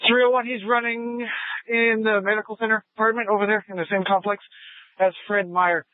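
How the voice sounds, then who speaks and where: A man's voice: high-pitched, level tone, fairly quick, no room sound. A man in the field calling out terse, urgent updates during a chase, heard over a police scanner radio. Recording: dry, tinny radio band.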